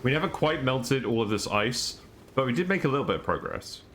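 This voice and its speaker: Faint background music and slight noise accompany this gameplay stream, where a man chats casually, thinking aloud with fillers and little laughs. His mid-range voice is lively in intonation, brisk and a bit bright.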